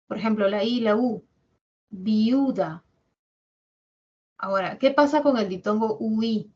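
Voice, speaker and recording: A woman from Peru with a Peruvian Spanish accent, a language teacher giving a classroom lecture and slowly sounding out example words syllable by syllable. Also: a little high, darkish tone, breathy edge, lo-fi sound. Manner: explains patiently, drawing out example words syllable by syllable.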